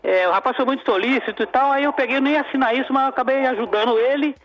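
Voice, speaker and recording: A man's voice: extremely high pitch, racing, fairly bright tone. A male caller heard over the phone on a radio call-in show, complaining and often repeating words while he searches for them. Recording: dull phone-line sound on a radio show.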